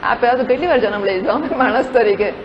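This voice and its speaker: A woman's voice: on the high side, quick pace. Woman teaching scripture in a reverberant hall. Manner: rhetorical questions with English words mixed in. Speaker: spiritual teacher. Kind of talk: scripture discourse to an audience. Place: large hall at a camp. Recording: dull recording in a reverberant hall with faint noise.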